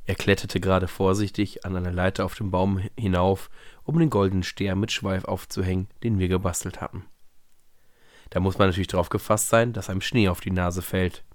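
Low-voiced guy reading a kids story, steady, really dry close sound. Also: brisk, no room sound. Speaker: podcast host and storyteller. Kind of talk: storybook reading and casual chat.

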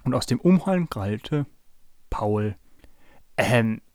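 A man reading a children's story aloud in a calm, steady way, then chatting as podcast host. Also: mid-range voice, normal speed, dry recording, clean studio sound.

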